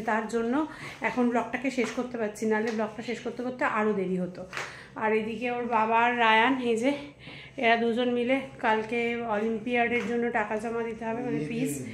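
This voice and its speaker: A woman home vlogger chatting casually to viewers while she does housework. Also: fairly high pitch. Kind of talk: casual vlog narration. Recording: noisy home recording.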